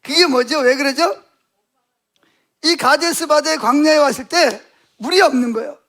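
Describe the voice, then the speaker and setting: A man's voice: very high-pitched, moderate pace, fairly bright tone. A male pastor preaching a sermon, telling the story with constant rhetorical questions to the congregation.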